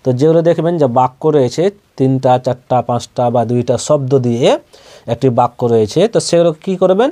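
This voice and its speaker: A man with a Bangladeshi accent teaching Quran reading, spelling out Arabic letters and reciting them in a drawn-out chant, with quick explanations in between. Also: medium pitch, dark tone.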